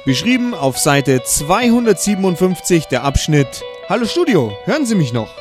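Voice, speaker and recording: A man's voice: high-pitched, sing-song, normal speed, soft background music. A man hosting a pirate radio broadcast, announcing in an upbeat radio-presenter way.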